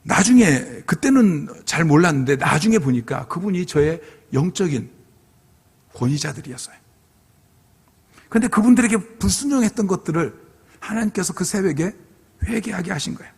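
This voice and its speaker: Earnest pastor, gravelly voice, church reverb. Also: male voice, high voice, expressive, normal speed, darkish tone. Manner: earnest storytelling, acting out his own past pleas. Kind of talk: revival sermon with personal testimony. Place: church sanctuary. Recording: long hall reverb.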